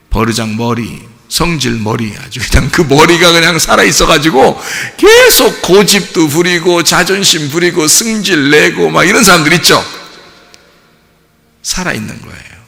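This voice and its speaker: A man preaching as pastor, animated and playful, acting out quotes and joking with the congregation. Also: fairly high pitch, creaky, in a large hall. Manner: animated, acts out quotes with jokes. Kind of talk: sermon.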